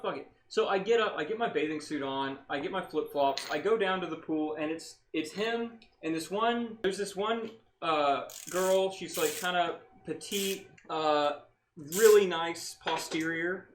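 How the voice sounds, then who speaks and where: A young man telling a long story in casual chat, rambling and animated with lots of filler words. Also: fairly high pitch, moderate pace, reverberant, a little hiss or hum. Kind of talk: casual storytelling while working on a car. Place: garage.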